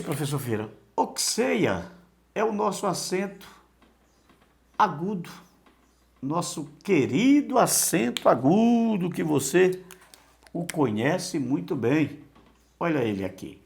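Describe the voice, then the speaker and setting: A man teaches an online Greek class in a lively, animated voice that sits a little high. He repeats each key term and throws questions at himself before answering them. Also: creaky. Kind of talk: online lesson.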